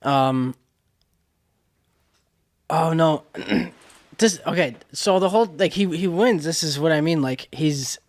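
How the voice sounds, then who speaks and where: Male podcast co-host, fairly high voice, loose rambling storyteller who swears a lot. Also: slow, long pauses. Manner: rambling storyteller, swears freely, many restarts. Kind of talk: casual chat.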